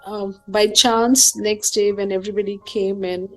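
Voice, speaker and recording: A woman from India, speaking as a hypnotherapist guest in a casual interview and telling stories lively, acting out the people she quotes. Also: mid-range voice, normal speed, faint music behind, poor audio. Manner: animated storyteller who acts out quoted people.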